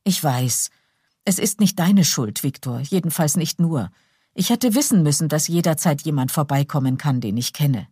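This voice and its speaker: An earnest young lady who flusters easily and speaks in quick, eager bursts, played by a woman narrator. Her voice is a little raised and has a husky edge. It is a dry, close audiobook recording. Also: low voice, lively intonation, dark tone, no echo.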